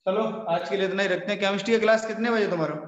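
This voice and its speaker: A man's voice: high voice, steady tone, rapid-fire. A man teaching a maths class and giving instructions to his students, often checking in with "okay". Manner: instructive, repeats "ठीक है" often. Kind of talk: online class wrap-up. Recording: echoey, dull, lo-fi hall sound.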